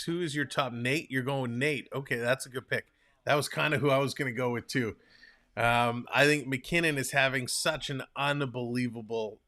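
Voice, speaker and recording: A fairly bright, medium-pitched male voice belongs to a young Toronto Canadian hosting a hockey stream live. He rambles in a chatty way, reading viewers' comments out loud and responding.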